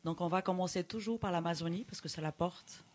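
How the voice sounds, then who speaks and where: A woman from Brazil with a Brazilian accent, explaining things as an interview guest in halting French with small grammar slips and a foreign accent. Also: lowish voice, darkish tone. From Brazil, Belém in the Amazon region. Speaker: guest, dancer and show creator.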